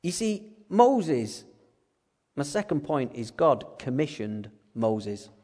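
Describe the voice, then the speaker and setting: A man's voice: medium pitch, very animated, slow pace, dark tone. A male preacher who gives a chatty, jokey sermon in a storytelling style. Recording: long hall reverb.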